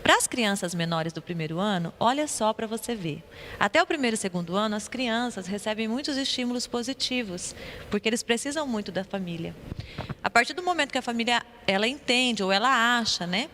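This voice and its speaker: Animated Brazilian woman telling stories. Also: on the high side, a little fast, big-room sound, slight background noise. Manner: animated storyteller who acts out quotes. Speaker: school educator and podcast co-host. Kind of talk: casual podcast conversation.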